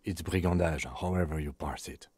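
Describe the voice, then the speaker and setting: A composed police lieutenant from a video game, who speaks in a measured, precise way and lets his sarcasm show only through a deadpan tone. His voice is low and a little husky, and it is recorded close and dry. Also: no room sound. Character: calm, dry-witted male police lieutenant.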